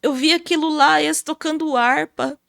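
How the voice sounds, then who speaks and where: A woman's voice: high voice, fairly even intonation, moderate pace, creaky, a bit bright, no room sound, clean studio sound. A Brazilian woman, a gospel singer, telling her personal testimony in a podcast interview with emotional storytelling. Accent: Brazilian Portuguese. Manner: emotional storytelling, many fillers like "sabe?".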